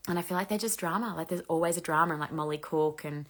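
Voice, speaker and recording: Low-voiced chatty woman in her thirties. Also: quick pace. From Australia. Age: 30s. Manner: chatty, frequent "like" fillers, laughs lightly. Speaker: host answering viewer questions. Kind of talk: casual live chat.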